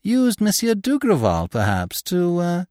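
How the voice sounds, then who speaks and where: A sarcastic gentleman thief, voiced by a man reading the story, cool and mocking even when caught. His pitch moves animatedly through each phrase. Close and dry. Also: measured pace, no room sound, heavily acted.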